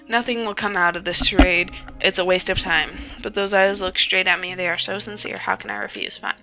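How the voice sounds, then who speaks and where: A woman's voice: medium pitch, steady tone, fairly quick, sharp tone, lo-fi sound, faint music behind. A woman voicing a reluctant, self-conscious teenage boy who narrates the story in the first person. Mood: grudging.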